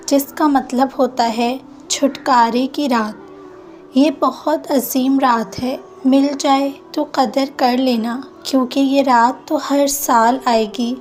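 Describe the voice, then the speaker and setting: A woman giving steady, step-by-step religious instruction as a channel host. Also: high-pitched. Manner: steady, instructive, listing steps. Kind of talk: scripted instructional talk.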